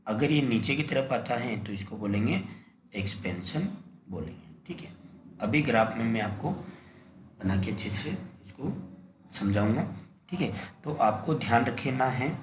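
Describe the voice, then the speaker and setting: A man teaching an exam-prep lesson, repeating key points and asking then answering his own questions. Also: medium pitch. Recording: echoey room, faint noise.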